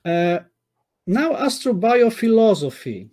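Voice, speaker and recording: A man whose first language is Polish, giving a measured academic conference talk over a video call, with frequent "uh" pauses and self-corrections. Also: sits high, sing-song, warm tone. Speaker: conference speaker. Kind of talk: academic lecture over slides. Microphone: webcam on a video call.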